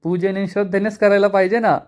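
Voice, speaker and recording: A man's voice: high voice, level tone, fast, natural voice. A man voicing a quarrelsome young man who snaps and grumbles. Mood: sulky. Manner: snappy, grumbling.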